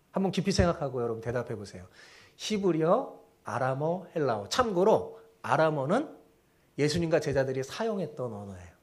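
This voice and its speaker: A male pastor preaching with animated energy and constantly tossing rhetorical questions back to the congregation. His voice sits high for a man and swings widely in pitch. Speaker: senior pastor. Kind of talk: sermon.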